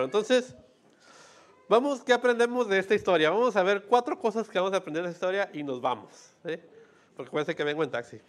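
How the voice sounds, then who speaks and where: A man preaching a sermon in a conversational way, often asking "¿no?" and "¿sí?" and acting out quoted voices as asides. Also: fairly high pitch. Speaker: pastor.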